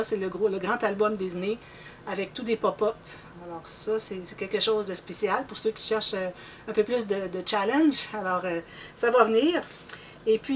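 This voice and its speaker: A Québécois woman chats casually to her viewers in a loose, rambling way, clearing her throat now and then. Her voice sits at a middling pitch and sounds a little distant from the microphone, with faint noise underneath. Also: fairly bright tone. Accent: Québécois French. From Canada. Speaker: scrapbooking channel host.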